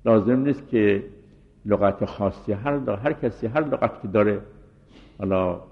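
A middle-aged man teaches a seminary class in a measured, scholarly way and recites Arabic quotations. His voice sits a little low. The recording is muffled and lo-fi, with a long hall reverb trailing after his words. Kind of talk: scholarly lecture on hadith narrators.

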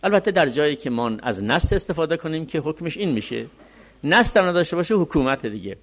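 Lively male seminary lecturer. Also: fairly high pitch. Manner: reads Arabic text slowly, then explains it quickly. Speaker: seminary teacher. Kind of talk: religious law lecture.

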